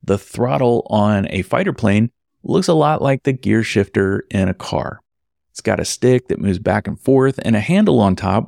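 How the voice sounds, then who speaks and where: A man's voice: lowish voice, creaky, darkish tone, no room sound, clean studio sound. A man who works as an event photographer, narrating a personal story in a conversational way with wry asides to the listener.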